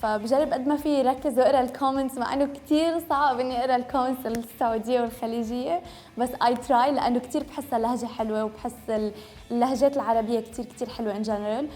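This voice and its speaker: Her voice is slightly high, warm and steady, and she talks rapid-fire. She's a young Lebanese beauty vlogger, French by first language, speaking Tripoli-accented Arabic with Syrian Homs touches. In her casual chat to camera she mixes in English and often self-corrects.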